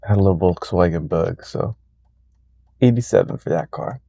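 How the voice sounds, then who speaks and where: A man's voice: low voice, normal speed, creaky, dark tone. A middle-aged man rambling and musing aloud in a casual vlog, talking to the camera from his car. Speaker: vlogger. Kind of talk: casual driving vlog monologue.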